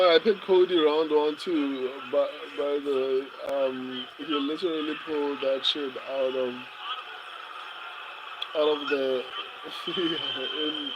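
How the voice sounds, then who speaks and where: A man's voice: a little high, fairly even intonation, slow pace, noisy background. A man hosting a casual fight watch-along stream, reading viewers' comments aloud with a laid-back, chuckling manner and lots of fillers and restarts.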